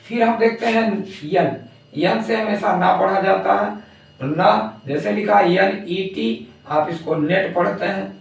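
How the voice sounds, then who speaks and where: In an echoey room with a distant mic, a man leads a phonics lesson, spelling out English words one letter at a time and then saying each. His voice is high, slow, and creaky.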